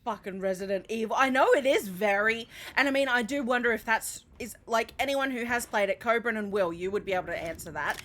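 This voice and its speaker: A young Australian woman commentating live as she plays a video game, animated, swearing and laughing often. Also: a little high, fairly quick, few pauses. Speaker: streamer.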